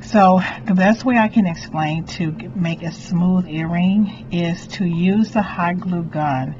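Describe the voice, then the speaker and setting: A middle-aged woman hosting a craft vlog, speaking in a theatrical, gushing way with drawn-out emphasized words. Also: fairly low pitch, a little mellow, muffled recording, a little hiss or hum. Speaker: craft channel host, doll artist. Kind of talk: vlog and DIY tutorial. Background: music.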